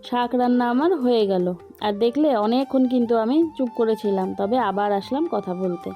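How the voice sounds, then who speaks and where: A woman's voice: on the high side, normal speed. A middle-aged woman, talking viewers through her cooking step by step in a chatty voice-over. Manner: talkative, explains each step to viewers. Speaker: vlogger. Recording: dull lo-fi voice-over with background music.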